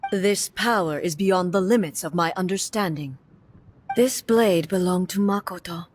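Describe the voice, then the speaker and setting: An actress voicing a stern, composed female warrior ruler in a video game cutscene, speaking in a measured, formal, solemn way. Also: on the low side, a little mellow, slight background noise, lightly acted. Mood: reflective. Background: faint game music.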